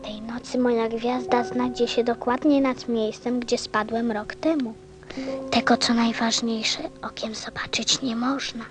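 An actress playing a gentle, wistful little boy from a star in a radio play, speaking tenderly. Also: on the high side, little pitch movement, a little slow, over music, lightly acted. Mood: sad, subdued.

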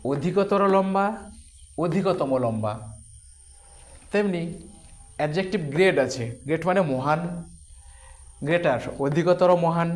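A man with a fairly high voice teaches a grammar lesson. He takes it slowly, repeating each term and breaking words into syllables, and he asks questions and then answers them himself.

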